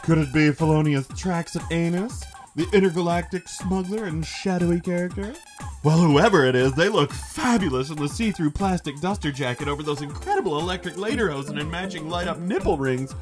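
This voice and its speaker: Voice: medium pitch, fairly quick, faint music behind, close to an everyday voice. A performer playing an over-the-top, camp announcer in a comedy radio play, gushing and theatrical in a sing-song delivery.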